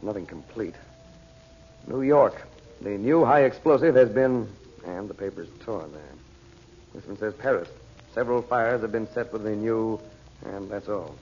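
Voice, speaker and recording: In a muffled, noisy old radio adventure serial, an actor plays a shrewd, unruffled magician investigator who talks casually and self-assuredly, muttering while he thinks, pondering and intent. His lowish, husky, darkish voice is expressive at a moderate pace with long pauses.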